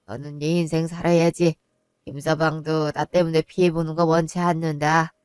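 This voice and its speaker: Woman doing a weary old father, low and resigned. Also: level tone, moderate pace, darkish tone, clear, resonant tone, no room sound, studio quality, close to an everyday voice. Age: older. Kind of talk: one-voice audio drama.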